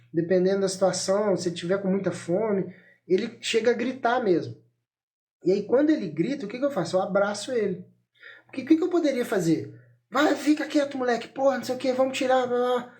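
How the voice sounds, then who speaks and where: A man in his thirties hosting a parenting podcast, talking calmly and reflectively in a loose conversational way, with frequent fillers and restarts, recorded on a phone. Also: high-pitched. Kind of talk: reflective solo podcast talk. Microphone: phone held up while talking.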